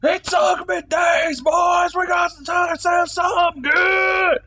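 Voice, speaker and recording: A tiny jackrabbit hawker in a game session, yelling his wares in a high, strained bark, put on by a man. He is brash and pushy and shouts across the street at full force. The sound is dull and lo-fi. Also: flat delivery, takes it slowly, heavily acted. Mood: hollering. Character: small loud male jackrabbit street merchant.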